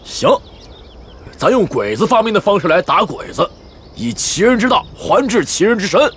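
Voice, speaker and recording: A man's voice: high-pitched, sing-song, normal speed, fairly bright tone, a little hiss or hum. An actor playing an eager, confident young male officer in a TV war drama. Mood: upbeat. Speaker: soldier officer.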